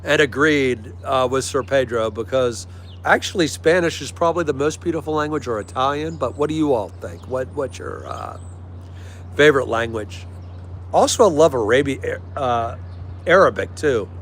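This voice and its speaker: This is a man from the United States with an American accent, hosting a livestream and casually chatting with viewers in an agreeable, friendly manner. His medium-pitched voice sounds animated at a moderate pace. Vehicle-like ambience sits behind a clear recording.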